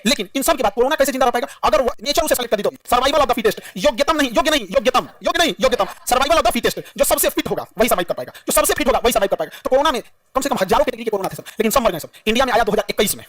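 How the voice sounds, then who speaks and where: Male teacher, high bright voice, rapid quizzing delivery, dry distant mic. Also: expressive, no room sound. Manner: repetitive, quizzing, humorous. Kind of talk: classroom lecture.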